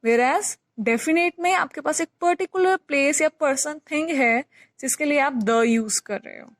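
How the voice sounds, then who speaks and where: A woman's voice: sits high, normal speed, no echo. A woman teacher patiently explaining a grammar lesson, repeating key points with examples. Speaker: English teacher.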